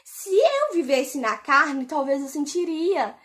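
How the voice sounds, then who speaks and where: Brief: woman voicing Jesus, calm gentle man, soft reassuring lines, high-set voice. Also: slow pace, full character voice.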